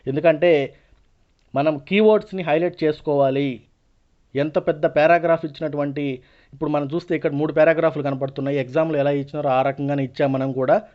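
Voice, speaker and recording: Higher-pitched Telugu-accented man teacher mixing in English. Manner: mixes Telugu with many English words. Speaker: online exam-prep teacher. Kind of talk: explanatory online lesson. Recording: dull, lo-fi voice recording.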